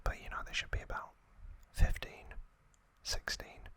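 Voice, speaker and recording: The speaker is a man doing ASMR. He shares trivia in a soft, breathy whisper, broken into short, hesitant bursts.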